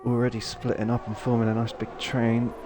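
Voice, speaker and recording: A man doing excitable live play-by-play of a sim race with quick reactions to the action. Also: medium pitch, music in the background. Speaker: race co-commentator. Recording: stream audio with clear background noise.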